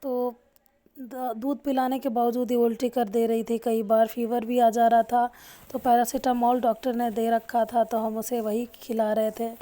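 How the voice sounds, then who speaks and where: A young woman narrating a family vlog as a new mother, coaxing her baby with soft baby talk. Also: fairly high pitch, flat delivery, unhurried.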